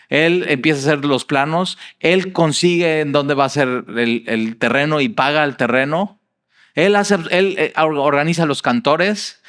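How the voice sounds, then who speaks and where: Mexican pastor guy preaching, chatty storytelling sermon, lots of ehs, mid pitch. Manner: conversational, animated storytelling with many fillers.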